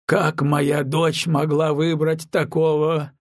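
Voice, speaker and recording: A man doing a flat, resigned old admiral. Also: a little high, slow, dry recording, clean studio sound. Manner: flat, emotionless voice. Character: weary older male admiral, flat and resigned.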